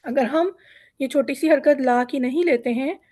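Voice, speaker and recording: A woman teaching Quran recitation, reciting verses slowly and drawn out, then patiently explaining how each letter is pronounced step by step. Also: high-pitched, dark tone, dry recording, clean studio sound. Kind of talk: online recitation lesson.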